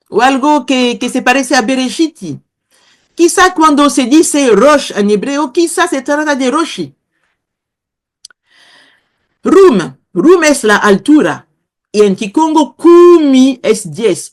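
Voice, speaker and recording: Woman professor, high voice, measured unhurried delivery, pauses to find her words. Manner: slow, hesitant, searching for words. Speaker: guest professor. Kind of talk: explaining a language lesson.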